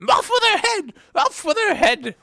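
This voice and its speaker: A man voicing a furious, imperious storybook queen with a shrill, loud voice who screams her commands. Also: huge pitch swings, takes it slowly, no echo, clean studio sound, full character voice. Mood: screaming fury.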